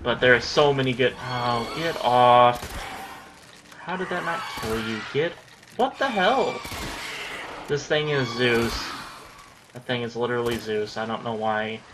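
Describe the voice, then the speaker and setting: Background noise accompanies this gaming YouTuber, a young man in his late teens musing casually about his recording plans mid-game and swearing when things fail. His medium-pitched voice is unhurried and broken by frequent pauses.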